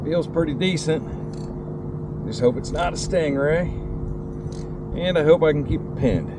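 A middle-aged man, excitedly fishing from a kayak outdoors and talking to the fish, recorded on a kayak-mounted camera. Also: a little high, a little slow. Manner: excitable, talks to the fish, exclaims loudly. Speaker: kayak angler. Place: kayak on open tidal water, outdoors. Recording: loud wind and water noise outdoors. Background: wind and water.

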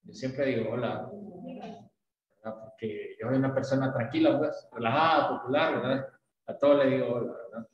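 A man's voice: medium pitch, steady tone, normal speed, heavy reverb, dull audio. A man from Latin America teaching an English lesson, explaining patiently with images and asking questions.

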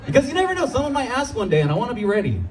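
A young Los Angeles man does stand-up on an outdoor stage with a handheld mic, animated and leaping into high voices whenever he quotes people. He races along, and the poor audio carries some background chatter plus a little hiss or hum.

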